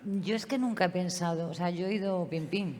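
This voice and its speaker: Woman, 50s, colloquial and chatty panel talk, lowish voice, long reverb. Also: fairly quick. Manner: colloquial, lively storytelling. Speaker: panelist and former ballet director. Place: museum venue at a political convention.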